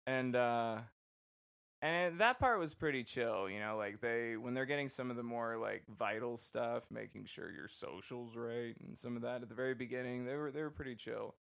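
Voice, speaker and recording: A young man casually telling a personal story on a podcast, animated and quick to act out the people he quotes. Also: vocal fry. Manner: animated, acts out quoted voices with big pitch jumps. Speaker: podcast host.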